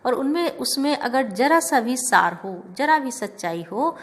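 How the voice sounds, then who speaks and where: A woman's voice: sits high, expressive, unhurried. A woman teacher reciting verses of a poem and explaining them line by line in a lesson.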